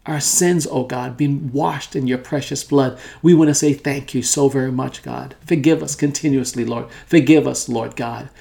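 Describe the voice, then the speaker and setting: Man co-host leading fervent prayer, mellow warm tone. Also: mid-range voice, fairly even intonation, normal speed, creaky, hardly any pauses. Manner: fervent, repeating "God" and "Lord". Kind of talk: prayer and preaching.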